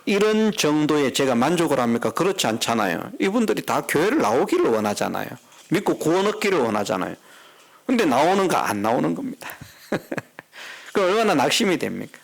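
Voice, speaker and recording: A man's voice: fairly high pitch, sing-song, fast, gravelly. A middle-aged man preaching a sermon as pastor in a church, talking conversationally and putting questions to the congregation. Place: church sanctuary.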